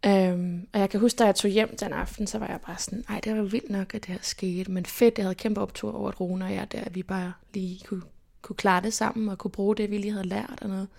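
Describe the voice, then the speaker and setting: A young woman from Denmark, telling stories from her life as an interview guest in a lively way and acting out what people said. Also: mid-range voice, creaky, hardly any pauses. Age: young adult. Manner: lively, animated retelling with quoted inner speech. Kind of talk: casual personal storytelling.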